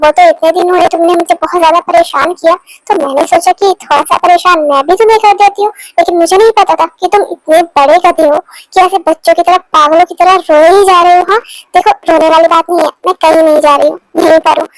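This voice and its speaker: A woman's voice: very high-pitched, steady tone, quick pace, no room sound, poor audio. A woman voicing a hurt young girlfriend who scolds and teases her boyfriend, in a fan-dubbed romance. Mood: reassuring. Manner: scolding then apologetic. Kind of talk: Hindi fan dub of a romance story.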